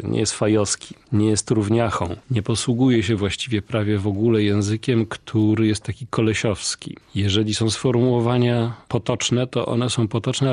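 A man, a translator, answering interview questions in a measured, analytical way, explaining at length. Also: mid-range voice, darkish tone, no room sound. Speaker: translator of song lyrics.

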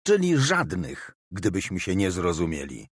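A man's voice: sits low, huge pitch swings, normal speed, slightly rough, dry recording, clean studio sound, heavily acted. A man voicing an officious male prosecutor who talks in a formal, clipped and dismissive way in an audiobook. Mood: curt, officious. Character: stiff, officious male prosecutor, guarded and curt.

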